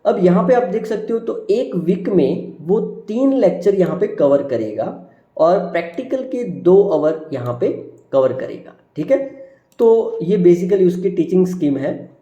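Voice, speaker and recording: Sitting high with big pitch swings and a slightly slow pace, this engineering teacher's soft, mellow voice is recorded in a roomy, echoing space, with the highs cut off. Over slides introducing the subject, he names technical terms one by one, each falling at the end, constantly says "ठीक है" and calls viewers friends.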